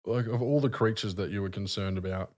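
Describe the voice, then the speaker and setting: A man's voice: fairly low pitch, a little fast, darkish tone. An Australian man in his thirties chatting casually as a podcast co-host, crude and slangy, swearing freely in comic banter.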